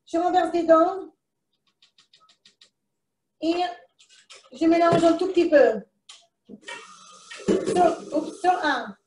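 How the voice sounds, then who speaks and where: High-voiced woman chatting through a cooking demo. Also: drawn-out words, pauses often, darkish tone, roomy sound, distant mic, slight background noise. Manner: chatty, talks to herself while cooking; speaks French with a foreign accent. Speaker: cooking show presenter. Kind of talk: live online cooking demonstration. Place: kitchen, indoors.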